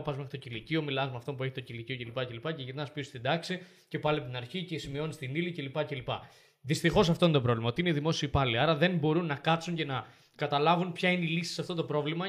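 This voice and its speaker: A man's voice: a little high, a bit bright. A young man co-hosting a casual podcast, telling stories animatedly and acting out the people in them. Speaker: podcast co-host. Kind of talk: casual chat.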